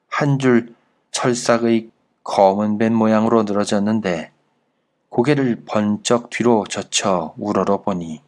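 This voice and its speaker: A man reading a classic travel essay aloud in a slow, measured literary narration. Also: fairly low pitch. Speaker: audiobook narrator.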